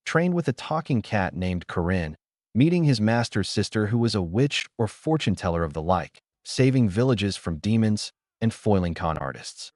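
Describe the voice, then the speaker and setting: A man narrating a fan story in an expressive storybook style. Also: on the low side, moderate pace, dry recording, clean studio sound.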